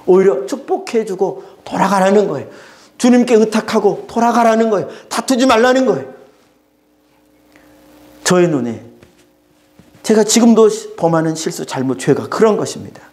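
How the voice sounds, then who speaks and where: A man with a high voice preaches a Sunday sermon in earnest. He often acts out the people he quotes, sighing or mocking, and then drops back to a plain pastoral tone. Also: animated, normal speed, pauses often, darkish tone.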